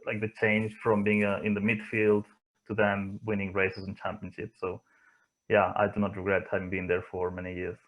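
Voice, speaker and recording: As a guest in an interview, this Spanish motorsport engineer from around Barcelona answers reflectively in English, which is not his native language. His fairly low voice carries a Spanish accent and stays completely flat, while he thinks aloud with hesitations and frequent pauses. The audio quality is poor.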